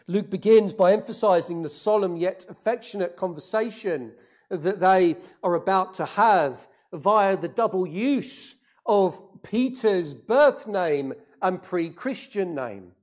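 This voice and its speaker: A preacher delivering a sermon in a deliberate way, repeating key phrases for emphasis and putting rhetorical questions to the congregation. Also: mid-range voice.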